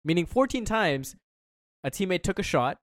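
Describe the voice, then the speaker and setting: Male panelist, playful and stat-heavy, slightly high voice, dry mic. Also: very animated, normal speed, no echo. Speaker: sports panelist. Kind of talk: casual sports talk.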